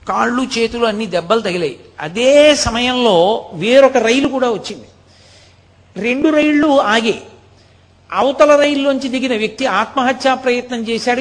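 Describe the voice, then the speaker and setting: A man giving a devotional discourse, telling stories and chanting verses slowly. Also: extremely high pitch. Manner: storytelling, chants verses slowly, raises voice for quoted shouts. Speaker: spiritual speaker.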